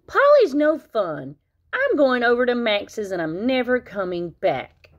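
A woman reading a storybook aloud, voicing an excitable young boy frog who talks in bouncy exclamations. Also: on the high side, a little slow, highs cut off, voice pushed up. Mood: excited.

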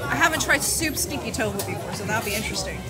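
A woman's voice: mid-range voice, lively intonation, fast, over loud music, over a noisy crowd. A woman guesting on a food vlog, reacting candidly and playfully as she tastes dishes at an outdoor night market. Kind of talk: casual food vlog chat.

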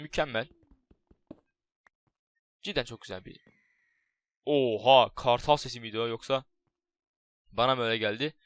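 A young man giving casual, jokey game commentary, excitable and swearing, chatting to his in-game pet. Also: medium pitch, smooth, no room sound. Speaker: gaming YouTuber. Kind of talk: casual Minecraft let's play commentary.

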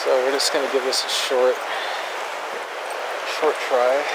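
A man giving casual running commentary while fly fishing, talking in a relaxed way to himself between casts, recorded on a body-worn camera outdoors. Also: medium pitch. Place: outdoors beside a rushing river. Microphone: head or chest camera. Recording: loud river noise outdoors. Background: loud rushing river water.

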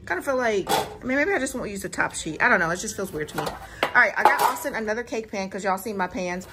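A woman's voice: mid-range voice, fast, very noisy. Chatty woman filming her grocery haul. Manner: chatty, animated, talks straight to viewers. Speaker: family vlogger. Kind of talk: casual grocery haul vlog. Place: home kitchen, indoors. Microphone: phone camera held close.

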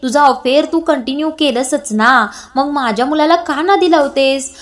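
A woman voicing a stern middle-aged mother who scolds a young woman loudly and sharply. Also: high voice, normal speed, close to an everyday voice. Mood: scolding.

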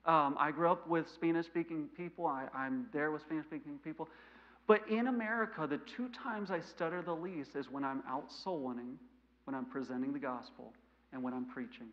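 With a mild stutter, a missionary preacher in his thirties gives an animated, gesturing sermon in a church sanctuary, alternating between loud emphasis and hushed asides. His pitch is on the high side and his pace is moderate, captured in a lo-fi church recording.

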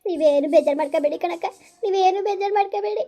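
A woman voices a humble, widowed village mother in a rustic comedy skit, pleading through tears. Her voice is high and quick, and she keeps begging. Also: warm tone.

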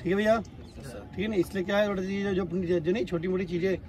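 A man with a notably high voice addresses his trainees on an outdoor track, scolding them about excuses and responsibility. He keeps asking whether they have got the point, like a stern coach drilling a lesson home. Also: steady tone, fast talker, a little mellow. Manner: scolding, repeatedly asks "got it?". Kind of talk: lecturing trainees.

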